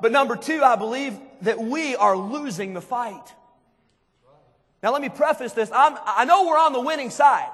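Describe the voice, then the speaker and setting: High-voiced preacher in a big echoing hall. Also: male voice. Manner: emphatic, swings between hushed and shouted. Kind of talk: sermon. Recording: long hall reverb.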